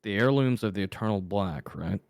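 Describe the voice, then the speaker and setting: A man narrating as game master in a casual, chatty way, with quick asides to his players. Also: fairly low pitch, expressive, vocal fry, darkish tone, dry recording, clean studio sound. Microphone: camera mic.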